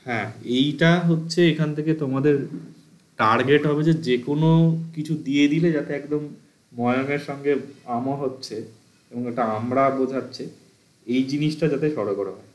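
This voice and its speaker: A man's voice: mid-range voice, moderate pace, echoey room. A man teaching a grammar class for exam preparation, patiently explaining step by step and reciting verb forms as drills.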